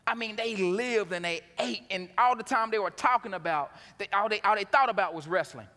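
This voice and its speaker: A man preaching a sermon, telling stories with big swings from quiet to loud. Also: sits high, brisk. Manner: animated storytelling, swinging from hushed to loud. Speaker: pastor. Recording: long hall reverb.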